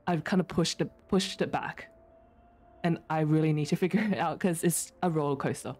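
An Australian woman streamer with an Australian accent, though English isn't her first language, chats casually while reading chat messages. She speaks at a moderate pace in a slightly mellow voice, laughing often and breaking into high squeals.

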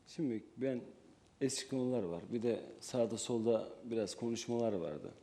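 A man's voice: medium pitch, moderate pace, mellow. A man appearing as a talk show guest, telling his account hesitantly and then with emphasis.

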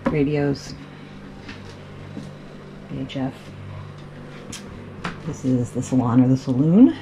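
A woman's voice: extremely low pitch, slow pace, lo-fi sound, very noisy. A woman giving a casual walkthrough of her sailboat, talking into a handheld camera and pointing things out with frequent ums. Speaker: boat owner giving a tour. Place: on and inside a sailboat at anchor, outdoors on deck then in the cabin.

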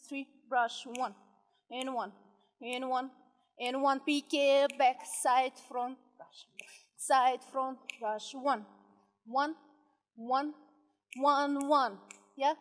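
High-voiced woman counting rhythmically in echoey studio. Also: steady tone, slow pace. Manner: rhythmic counting with short, commanding cues. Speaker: ballet teacher leading a barre class. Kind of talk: calling counts and corrections in a dance class. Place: large ballet studio with hard floor. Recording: echoey hall, piano music over voice. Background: loud piano accompaniment.

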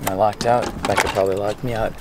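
A man's voice: on the low side, fairly even intonation, quick pace, background noise. A young man filming a casual travel vlog at arm's length, upbeat and chatty as he talks to the camera. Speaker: travel vlogger. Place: outdoors and in a rented house, on the road. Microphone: handheld camera at arm's length. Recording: background music throughout.

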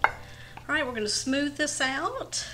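Slow yet animated, a middle-aged woman with a high-sitting voice demonstrates a casserole recipe step by step from her home kitchen. She hosts a home cooking channel and keeps the chat casual.

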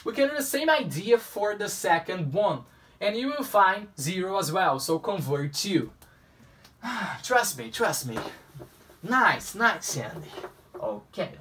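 Slow and sing-song, his high-pitched, fairly bright voice comes from a distant camera mic with slight background noise. He's a young Brazilian math tutor whose first language is Portuguese, accent included, solving a whiteboard problem in a small room while playfully talking to himself.

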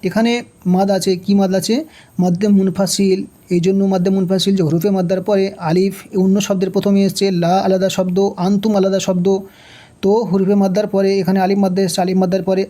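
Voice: medium pitch, level tone, fast, dark tone. A Quran reading teacher giving a step-by-step recitation lesson, patiently spelling out letters and vowel marks and repeating each rule.

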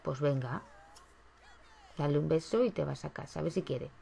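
A woman's voice: sits low, normal speed, vocal fry, mellow, a little hiss or hum. A woman giving chatty gameplay commentary, coaxing the characters on screen as she plays. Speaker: gaming YouTuber.

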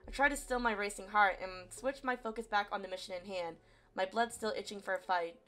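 A woman streamer reading a visual novel aloud as expressive story narration. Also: medium pitch, brisk. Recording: faint game music behind. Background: faint music.

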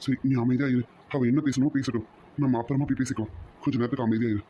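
A man's voice: medium pitch, fairly even intonation, quick pace, warm tone, a little hiss or hum, lightly acted. A man voicing a stern man in a cartoon drama, firm and commanding.

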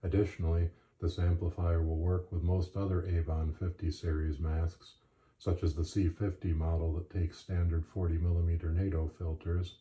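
A man with a very low, mellow voice presents a step-by-step demonstration. His delivery is measured and matter-of-fact, with a flat, steady intonation. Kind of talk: instructional narration.

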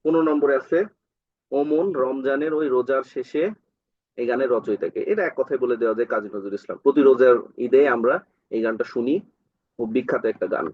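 A husky-voiced man with a Bangladeshi Bengali accent walks through exam questions one by one, posing each question and then answering it himself. He pauses on fillers as he explains. The sound is dry and somewhat dull, as on a modest lo-fi recording. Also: medium pitch, steady tone, no echo. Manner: explanatory, asks and answers his own questions, frequent fillers. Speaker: exam-prep tutor. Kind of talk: exam question walkthrough lesson.

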